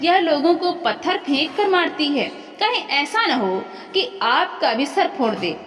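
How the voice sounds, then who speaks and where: A woman's voice: high-pitched, sing-song, measured pace, a bit bright, heavily acted. A woman voicing a blunt male sweet-shop owner who speaks in a dismissive, warning way. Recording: echoey room with long reverb.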